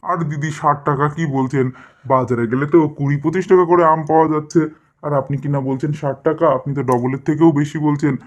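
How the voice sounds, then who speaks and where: Guy doing a gruff dad haggling over mangoes in a cartoon, pitched a bit high. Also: fairly even intonation, fast talker, close to an everyday voice. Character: stingy bargaining village father.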